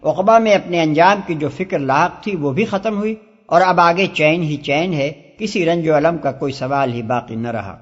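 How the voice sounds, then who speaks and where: A man reads scripture commentary in a measured, formal delivery. His voice sits a little high. The sound is dull and lo-fi, with a long reverb trailing each phrase. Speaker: commentary reader.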